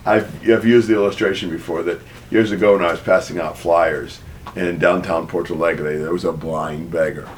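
A man's voice: deep voice, steady tone, slight background noise. Man leading a casual Bible study. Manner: asks the group questions, explains slowly. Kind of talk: conversational group Bible teaching.

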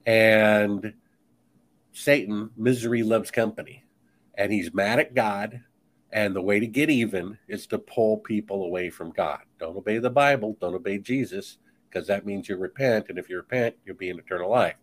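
A man's voice: on the low side, normal speed. A man speaking as a guest author in a podcast conversation, talking in an emphatic, insistent, preachy way.

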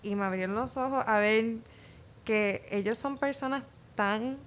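A woman's voice: fairly high pitch, unhurried, slight background noise. A woman with a Puerto Rican accent answering in an interview, mixing English words into her Spanish and acting out quoted dialogue as she tells stories. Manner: animated storytelling, acts out quoted dialogue. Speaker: pageant contestant interviewee.

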